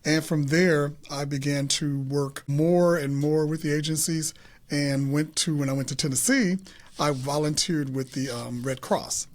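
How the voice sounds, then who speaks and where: Older male interview guest; fairly high voice, rambling and self-correcting. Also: steady tone, a little slow. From Chicago, South Side. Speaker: guest, city LGBTQ+ affairs director. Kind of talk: casual interview talk.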